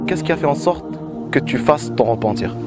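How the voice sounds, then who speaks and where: A man's voice: on the high side, animated, normal speed, over loud music. A man interviewing a guest, putting formal questions and sometimes groping for words in the middle of a question.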